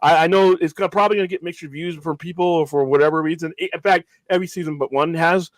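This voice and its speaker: A man co-hosting a podcast in casual chat, animated and emphatic, often repeating words as he talks. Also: on the high side, fast talker, dry recording, poor audio. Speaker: podcast co-host.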